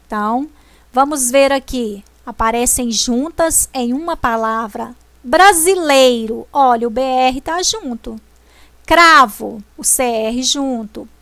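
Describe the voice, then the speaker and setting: Slow, high-voiced woman teacher. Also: no echo. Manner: slow, deliberate, stressing syllables. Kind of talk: slow classroom explanation.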